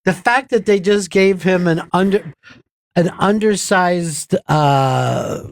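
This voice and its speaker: A man's voice: high voice, slow, vocal fry, no room sound. A man hosting a radio show, teasing his co-hosts with plenty of laughter and reading out listener comments. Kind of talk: casual studio banter.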